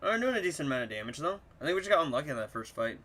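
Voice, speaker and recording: A man's voice: a little high, rapid-fire. Young guy streaming a fighting game, hyped and jokey, chatting with chat. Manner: excitable, joking, talks to chat. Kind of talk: casual gameplay commentary to chat.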